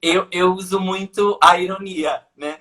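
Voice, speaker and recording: A man's voice: high voice, steady tone, a little slow, pushed and bright. A man with a Brazilian accent, hosting a casual live-stream chat and telling stories in a mocking, ironic way. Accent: Brazilian Portuguese. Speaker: host.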